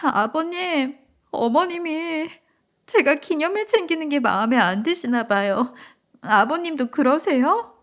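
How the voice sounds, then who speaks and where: Woman doing a high sweet-voiced sneaky young daughter-in-law, all whiny and pleading. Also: animated, unhurried, fairly bright tone. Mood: tearful pleading. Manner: sugary, pleading, tearful whine. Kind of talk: storytelling radio drama reading.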